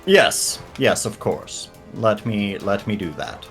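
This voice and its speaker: A man's voice: lowish voice, very animated, slow pace, gravelly, a bit bright, soft background music. A man chatting casually as a player in a tabletop game.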